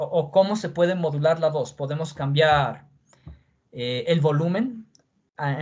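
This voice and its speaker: A man's voice: a little high, lo-fi sound. A male teacher explaining a lesson patiently and often checking in with the class.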